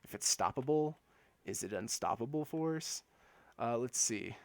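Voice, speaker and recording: A man's voice: medium pitch, animated, unhurried, gravelly, no echo. Giggly, stammering male game streamer. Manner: giggly, stammers and repeats words; chats with viewers while playing. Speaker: gaming streamer. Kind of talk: casual live-stream commentary.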